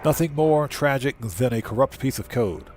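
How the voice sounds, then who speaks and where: A man with a medium-pitched, slightly mellow voice talks at a normal speed, with faint music in the background. He's a live streamer hosting his own channel, chatting casually and thinking out loud while he plays a game. He also reads the chat and the on-screen text aloud.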